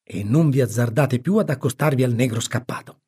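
A man's voice: medium pitch, brisk, darkish tone, breathy edge. A man voicing an exasperated, flustered storybook aunt who sputters and scolds. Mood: exasperated, scolding.

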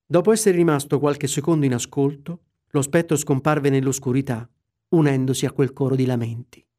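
A man narrating a classic story in a measured, expressive way. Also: mid-range voice.

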